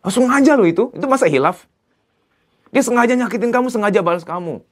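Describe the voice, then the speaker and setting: A man giving a lively psychology lecture as a therapist, emphatic and conversational. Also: high-pitched, fast talker. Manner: animated, acts out quoted dialogue in other voices; colloquial, emphatic "gitu loh" asides.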